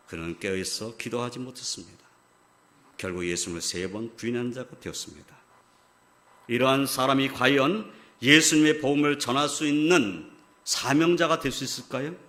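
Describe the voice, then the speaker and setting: Man, pastor, Sunday sermon, mid-pitched voice, explanatory delivery, emphatic stress on key words. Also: normal speed, fairly bright tone. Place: church sanctuary.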